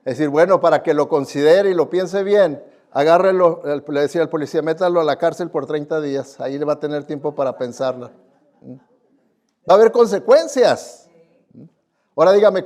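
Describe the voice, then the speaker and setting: A pastor preaches live before his church congregation in a conversational style, admonishing them and often asking them questions, including rhetorical ones and tags seeking agreement. His male voice is a little high with a darkish tone.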